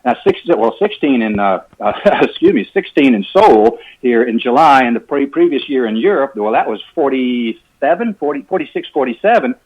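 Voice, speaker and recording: An enthusiastic man in his sixties telling stories as a golf instructor being interviewed, energetic, over a clipped phone connection. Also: medium pitch, moderate pace, hardly any pauses, phone-quality sound. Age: 60s. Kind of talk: phone interview, animated storytelling.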